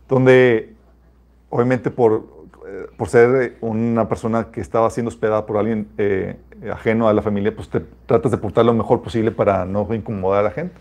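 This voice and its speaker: A man preaching in a relaxed, conversational way, mixing personal stories with exhortation. His voice sits at an ordinary middle pitch, and he speaks to his young listeners as friends, calling them "chicos". He laughs easily between points. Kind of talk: informal sermon with personal testimony.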